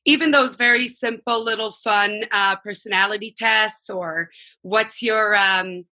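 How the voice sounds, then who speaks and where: A woman's voice: mid-range voice, fairly even intonation, a little slow, pushed and bright. A woman from Israel, a guest on a podcast, explaining her work with some restarts. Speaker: guest, app founder. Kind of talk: interview answers.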